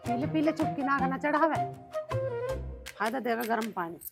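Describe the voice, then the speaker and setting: A woman's voice: high-pitched, moderate pace, vocal fry, over loud music. An actress playing a blunt, commanding older village mother-in-law with a Haryanvi accent. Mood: scolding.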